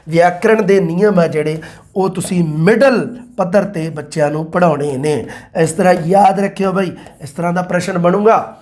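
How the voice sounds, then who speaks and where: High-voiced teacher, chatty lecture. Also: male voice, darkish tone. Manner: chatty, repeats points, quizzes listeners. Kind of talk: exam-prep lecture.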